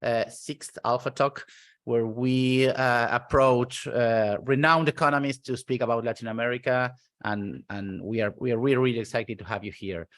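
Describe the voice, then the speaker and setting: Male interview host, mid voice, eager, halting, filler-heavy. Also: medium pitch, fairly even intonation. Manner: enthusiastic, halting, many "uh" fillers. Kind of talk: online interview hosting.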